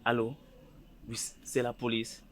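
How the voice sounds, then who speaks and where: A man acting a caller reporting to the police in a comedy sketch, talking in hurried, hesitant bursts. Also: mid-range voice, monotone, fairly bright tone, slight background noise. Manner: hurried, hesitant phone talk.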